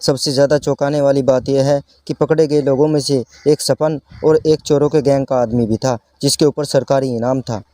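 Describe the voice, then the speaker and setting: A man narrating a scripted story in a calm, even storytelling manner, as the channel's storyteller. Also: medium pitch, normal speed, few pauses, dry recording. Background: faint background music.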